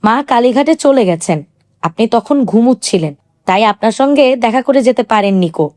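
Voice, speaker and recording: A shy young wife , as a woman reader voices her, with a soft, coaxing manner and a slightly raised pitch. She sounds gentle and patient, pleading quietly in a storybook reading. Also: expressive, moderate pace, close to an everyday voice.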